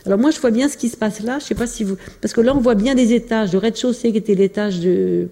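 A woman's voice: fairly high pitch, fast talker, mellow. A woman giving an informal illustrated talk about family archives, speaking hesitantly with many fillers and restarts. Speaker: lecturer presenting family archives. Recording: long hall reverb.

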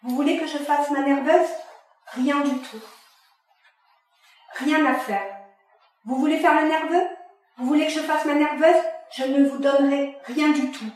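A woman's voice: sits high, steady tone, unhurried, long pauses, a little mellow. A woman voicing a brusque, combative female office director who taunts a visitor. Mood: defiant. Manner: curt, taunting. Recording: echoey room, voice from far off.

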